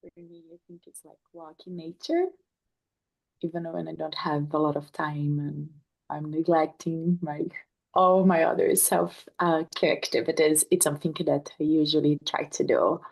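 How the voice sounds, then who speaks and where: A woman's voice: sits low, steady tone, moderate pace, vocal fry, a little mellow, low-quality recording. A woman from Brazil, speaking on a video call. She talks in a reflective way and searches for her words.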